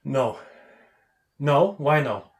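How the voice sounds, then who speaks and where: A man's voice: medium pitch, lively intonation, extremely slow. A man interviewing, asking pointed questions in a skeptical, pressing manner.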